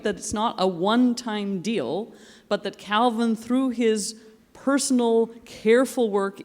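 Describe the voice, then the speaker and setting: Lady chairing an academic session, medium pitch, big echoey room. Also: darkish tone. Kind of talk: live event moderation. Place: large hall with an audience. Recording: echoey hall with long reverb.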